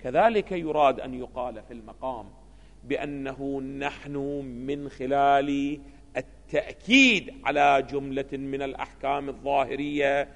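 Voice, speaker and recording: A man's voice: medium pitch, normal speed, a bit bright. A man giving a seminary lecture, often stopping to ask his students rhetorical questions. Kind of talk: classroom lecture. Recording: long hall reverb.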